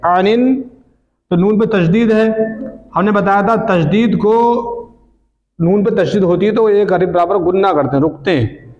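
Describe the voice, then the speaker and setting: A man's voice: high-pitched, a little mellow, lo-fi sound. A man teaching Quran reading, patiently explaining rules and answering his own questions. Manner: patient, asks questions and answers them himself. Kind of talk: recitation lesson. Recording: long hall reverb.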